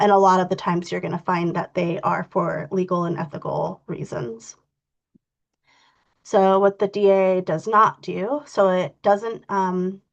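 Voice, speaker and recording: A congested woman with a low, gravelly voice leads an online training session, explaining things in a loose, informal way full of "you know"s. The sound is dull and lo-fi, like video call audio. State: stuffy, congested. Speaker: victim advocacy trainer.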